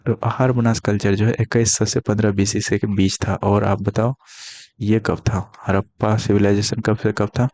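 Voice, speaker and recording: Soft-spoken man teaching in a low murmur. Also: vocal fry. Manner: speaking softly to avoid coughing; repeats key terms and mnemonics. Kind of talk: exam-prep lecture.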